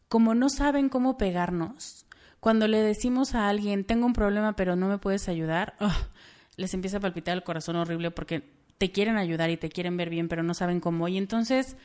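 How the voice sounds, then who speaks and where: A woman's voice: mid-range voice, a little mellow. Earnest Mexican woman podcaster. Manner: earnest and direct, speaking straight to the listener. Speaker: podcast host. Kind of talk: solo podcast monologue.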